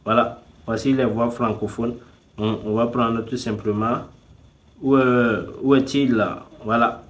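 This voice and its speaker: A man's voice: mid-range voice, steady tone, unhurried, lo-fi sound. A man hosting a casual tutorial, thinking aloud as he clicks through a website, repeating the same filler phrase and talking straight to his viewers. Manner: repeats "tout simplement" constantly; talks straight to viewers, teasing them to subscribe. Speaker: YouTube tutorial host. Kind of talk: casual screen-recording tutorial.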